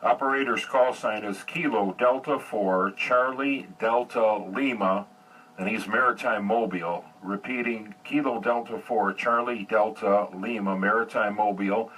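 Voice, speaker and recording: Bright-voiced man running a radio net, slightly distant. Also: lowish voice. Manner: hesitant, polite, spelling out call signs phonetically. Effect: two-way radio. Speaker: net controller on amateur radio. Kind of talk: amateur radio net control traffic. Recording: distant, faintly noisy radio audio.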